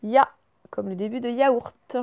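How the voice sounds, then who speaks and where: A woman teaching a recorded reading lesson to young children. She explains each word slowly and clearly, step by step. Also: medium pitch, expressive, no room sound, narrow, tinny audio.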